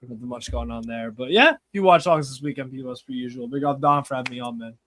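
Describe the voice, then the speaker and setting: A man's voice: medium pitch, fast talker, fairly bright tone. A man chatting casually as a guest streamer, loose and sweary in his phrasing. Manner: sweary, laid-back phrasing. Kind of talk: casual chat.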